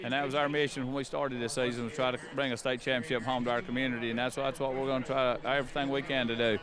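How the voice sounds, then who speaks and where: Fast-talking male coach, crowd behind. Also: medium pitch, little pitch movement. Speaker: football coach. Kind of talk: on-field interview. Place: outdoors on football field sideline. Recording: crowd noise around sideline mic.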